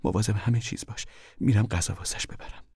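A man voicing a weary, worried mother who speaks softly and often whispers, in an audiobook reading. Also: fairly low pitch, steady tone, husky, no room sound, clean studio sound, voice pushed up. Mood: worried hush. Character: tired worried mother, gentle and firm. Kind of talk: audiobook character voice.

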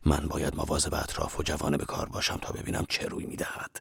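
A man voicing a fierce, quick-tempered old laborer who talks in a low, blunt growl. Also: completely flat delivery, vocal fry, breathy edge, dry recording, clean studio sound, heavily acted. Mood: gruff.

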